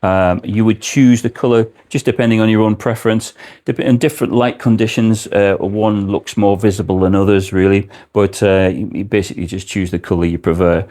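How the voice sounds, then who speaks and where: A man's voice: fairly low pitch, steady tone, fairly quick, dark tone. A man giving an informal product explanation as a presenter, speaking indoors in a shop.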